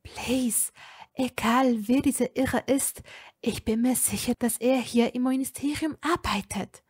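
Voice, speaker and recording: Fierce, resolute young witch, high-pitched and urgent, played by a woman. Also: a little slow, darkish tone, husky. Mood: worried.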